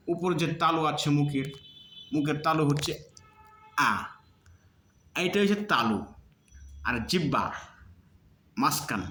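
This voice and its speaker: Man, patient teacher, slightly high voice, sound drills, echoey room. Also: bright, forceful tone. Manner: demonstrates sounds by drawn-out repetition. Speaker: teacher of Arabic letter pronunciation. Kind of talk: slow instructional lesson.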